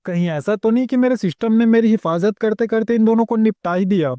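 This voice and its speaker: A man's voice: sits high, brisk, no echo, dull audio, close to an everyday voice. A man voicing a brash, foul-mouthed young male hero in a story recap. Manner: slangy, brash.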